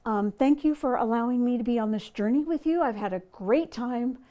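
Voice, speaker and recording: A woman's voice: a little high, brisk, mellow. A middle-aged woman hosting a quilting tutorial, chatty and friendly, with frequent ums as she demonstrates sewing steps.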